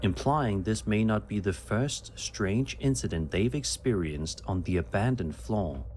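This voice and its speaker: Male narrator, lowish voice, steady scripted read, faint noise behind. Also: measured pace.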